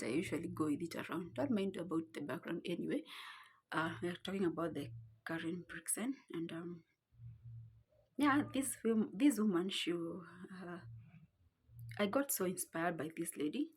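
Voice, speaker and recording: A young adult woman with a Kenyan accent vlogs from the floor of her home, telling a loose story and wandering as she searches for the right words. She has a fairly low voice, and there's slight background noise.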